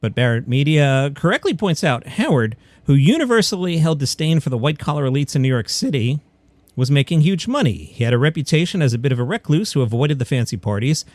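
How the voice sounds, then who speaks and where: He's a comedy news podcast host with a slightly high, somewhat mellow voice, speaking fast and with animation. Stories are read and punctuated by wry, opinionated asides, partly from a script, in a dry recording.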